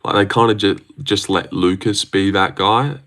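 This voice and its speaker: An Australian man hosts a casual livestream, answering viewer comments in a rambling, jokey manner full of fillers and restarts. His voice is low-pitched and a bit bright, with fairly even intonation and a normal speaking speed.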